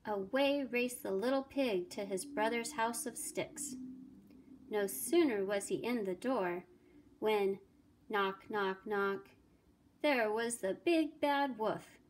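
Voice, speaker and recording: A woman teacher reading a fairy tale aloud in a slow, deliberate, expressive way. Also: mid-range voice, a little hiss or hum. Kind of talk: storybook read-aloud.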